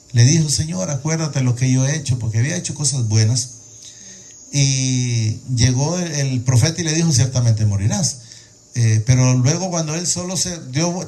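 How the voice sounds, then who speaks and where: A man's voice: fairly high pitch, a little mellow. A man preaching a sermon, reading scripture aloud and explaining it with rhetorical questions, often repeating words as he searches for the next one.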